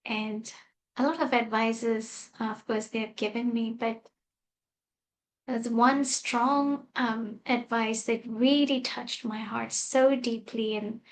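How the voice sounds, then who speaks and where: A woman from Malaysia tells a reflective personal story as a guest. Her voice sits a little high and moves in a narrow, even line. She speaks slowly and softly, with gentle pauses and fillers. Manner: soft-spoken and unhurried, with gentle fillers. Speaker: guest speaker, meditation teacher.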